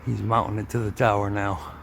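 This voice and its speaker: Outdoors at the foot of an antenna tower, a man films on a handheld camera and narrates a vlog as camera operator and helper, chuckling at his own casual remarks. His voice is on the low side, brisk, gravelly and fairly bright, with little pitch movement and a slight hiss or hum.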